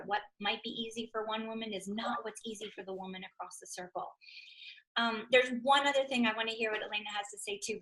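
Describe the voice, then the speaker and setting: A woman's voice: fairly high pitch, pushed and bright, poor audio. A woman co-hosting a live panel, talking with earnest passion and acting out quoted voices. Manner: earnest, impassioned, quotes others in little voices. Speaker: co-founder, circle facilitator. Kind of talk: livestream panel talk.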